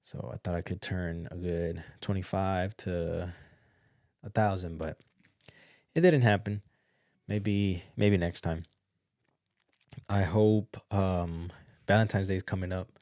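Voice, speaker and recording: A man with a very low, deep voice talks casually as a podcast host, chatty and prone to repeating words in excited bursts. His voice is recorded close and dry, with no room sound at all. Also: slow, pauses often, no room sound. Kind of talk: casual solo commentary.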